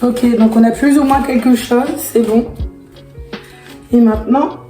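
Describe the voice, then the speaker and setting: A woman chatting casually to viewers as a vlogger, her voice hoarse and raspy, as if nearly lost. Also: a little high, fairly even intonation, a little slow, warm tone. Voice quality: raspy, strained from laryngitis. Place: echoey room indoors. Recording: echoey room with background music. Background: music.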